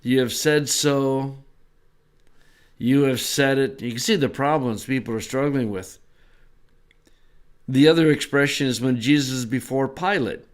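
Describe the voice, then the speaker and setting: A man teaching a Bible lesson in a relaxed, conversational way, with small asides as he explains. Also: mid-range voice, unhurried, pauses often, clear, resonant tone.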